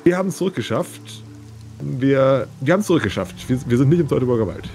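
A man's voice: mid-range voice, animated, quick pace, a little mellow, faint music behind, natural voice. A man voicing a small, anxious Egyptian companion who stammers and pleads. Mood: pleading.

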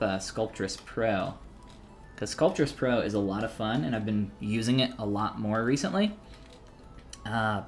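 A man in his thirties, talking casually and joking while he teaches 3D sculpting on a live stream, reading chat messages aloud between steps. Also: on the low side.

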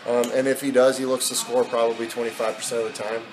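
A man's voice: medium pitch, flat delivery, quick pace, background noise. A man in his thirties, a basketball head coach, talking candidly with many fillers in a postgame press interview. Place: indoor press backdrop at an arena.

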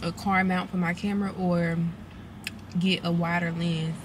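A woman's voice: lowish voice, flat delivery, measured pace. A woman talks casually and bluntly to viewers while eating a meal, mukbang style, swearing freely inside a car. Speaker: mukbang vlogger. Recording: loud car noise behind voice.

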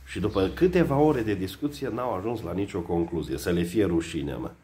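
A man giving satirical news commentary in a sarcastic, mocking way. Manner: sarcastic, mocking, lively swings in pitch. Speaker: satirical vlogger.

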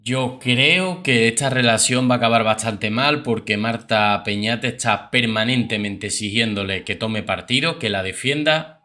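A man's voice: fairly low pitch, sharp tone. A man giving chatty, opinionated commentary on reality TV clips as host.

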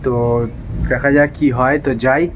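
A man's voice: medium pitch, level tone, moderate pace, highs cut off, slight background noise. A young man from Bengal chatting casually to his viewers in a daily vlog. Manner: chatty, addresses viewers directly. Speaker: vlogger.

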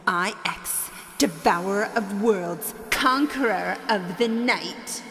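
A woman playing a grandiose female dark lord in a children's audio drama, delivering a theatrical, booming villain monologue. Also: slow, big-room sound, a little hiss or hum. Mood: gloating, menacing.

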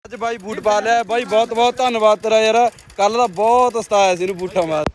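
A man's voice: high voice, fairly even intonation, fast talker, a little hiss or hum. A young man, chatting casually as a vlogger and bantering with friends.

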